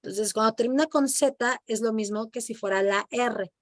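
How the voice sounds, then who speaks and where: This online language lesson features a woman whose voice sits a little high, talking at a normal pace. The sound is dry and studio-clean as she patiently explains in Spanish and French, saying French words aloud for her student to echo.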